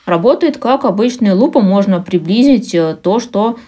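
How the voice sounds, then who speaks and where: A woman presenting a software tutorial in a measured, instructional way. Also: mid-range voice, animated. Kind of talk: explanatory software walkthrough.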